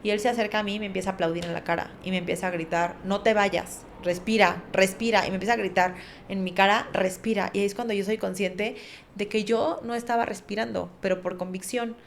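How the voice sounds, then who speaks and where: A woman's voice: medium pitch, steady tone, quick pace, vocal fry, a little hiss or hum. A woman, a podcast guest, earnestly recounting a personal story and vividly acting out what people said.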